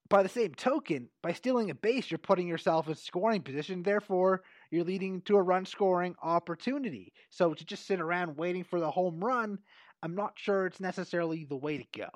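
Energetic sports show host guy, slightly high voice, dry close sound. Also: no echo. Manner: energetic, upbeat presenter. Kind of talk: sports radio talk.

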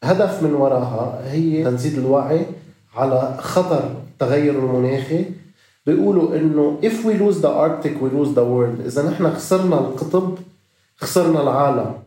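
Mellow Lebanese man in an echoey room. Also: on the high side, normal speed. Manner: mixes English words into his speech. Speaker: interview guest, activist. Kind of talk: personal storytelling in an interview. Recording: roomy echo.

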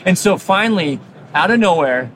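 A man's voice: high voice, normal speed. A man, an orthodontist, talking casually in an interview and telling stories with acted-out quotes, recorded on an exhibit hall floor. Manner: animated storyteller, acts out quotes. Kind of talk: conversational interview. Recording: noisy trade show hall.

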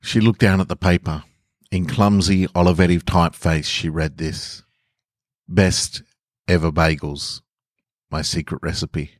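Recorded dry at studio quality, this low-voiced man is a podcast host who talks casually and reads short stories as the narrator.

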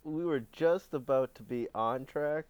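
A man's voice: mid-range voice, measured pace, clear, resonant tone, dry recording, lo-fi sound. Podcast co-host, man, dry close sound, eager and full of fillers. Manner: enthusiastic, filler-heavy, laughs often. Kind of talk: casual chat.

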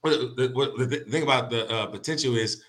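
A man co-hosting a podcast, working through ideas aloud in a searching, halting way with many restarts. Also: mid-range voice, fairly bright tone. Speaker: podcast co-host. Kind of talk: reflective casual conversation.

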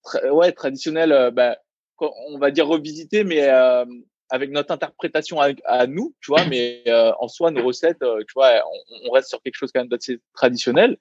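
Halting restaurateur man, dull sound. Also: mid-range voice, darkish tone, dry recording. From Vietnamese heritage, raised in France. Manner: halting, many fillers and restarts. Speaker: restaurant co-founder guest. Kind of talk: casual podcast interview.

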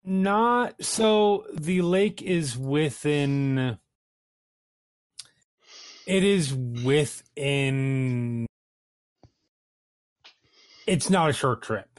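Male game master, very slow explanatory delivery, dry recording. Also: a little high, lively intonation, no echo. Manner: deliberate, explanatory. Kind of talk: running a tabletop game.

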